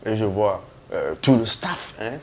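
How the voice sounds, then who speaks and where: A man telling a comic story with many fillers, animated, putting on high voices for the people he quotes. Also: slight background noise. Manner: slow, hesitant delivery with many fillers.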